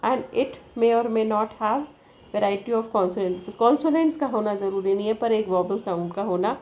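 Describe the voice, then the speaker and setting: A woman's voice: mid-range voice, unhurried, darkish tone, rough recording. A woman teaching a lesson, reading from a text and checking in with her students with "right?" and "okay?". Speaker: English teacher. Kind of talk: bilingual lesson explaining slowly.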